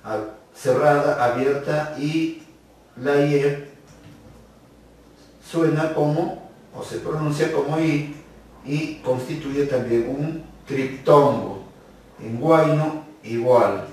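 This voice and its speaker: Slow, deliberate male teacher in echoey room. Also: on the high side, a little mellow. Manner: slow, deliberate, repeats words for dictation. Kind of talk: classroom grammar lesson. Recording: very echoey, distant mic.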